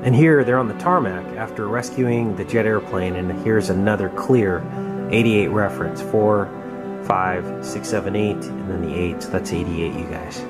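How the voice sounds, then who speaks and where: Loud music backs a man who hosts and narrates conspiracy videos, explaining film clips earnestly and speaking directly to viewers. He has a lowish voice and talks at normal speed.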